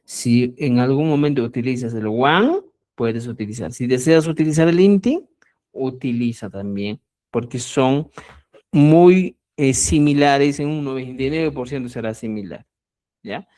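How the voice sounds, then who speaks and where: A woman teaching Quechua grammar in a lesson, speaking slowly and deliberately, repeating key words and often checking that listeners follow. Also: rumbling low, expressive, warm tone. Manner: addresses listeners as "estimados amigos". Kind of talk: explanatory online language lesson.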